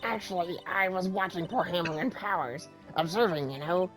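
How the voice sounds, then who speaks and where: A man's voice: high voice, moderate pace, a bit bright, faint music behind, rough recording. A man voicing a chatty, cranky old woman security guard in a playful video game dub. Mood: gossipy.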